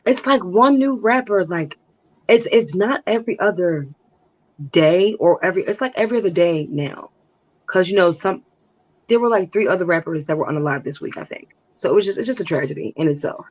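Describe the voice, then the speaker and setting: A woman's voice: fairly low pitch, animated. Woman, co-host, casual chat, muffled lo-fi sound. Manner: quick agreeing replies. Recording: dull, lo-fi sound.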